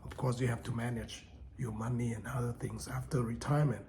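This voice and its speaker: A man in his fifties, from Thailand, talking casually and haltingly to camera from home about his coming retirement, with many fillers and restarts. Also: mid-range voice, level tone, darkish tone. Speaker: vlogger. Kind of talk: casual unscripted talk to camera.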